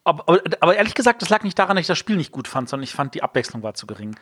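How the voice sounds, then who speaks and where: A man's voice: on the high side, sing-song, rapid-fire, a bit bright, breathy edge, no echo, studio quality. A man co-hosting a board game podcast, reviewing games in a casual, rambling way with many fillers.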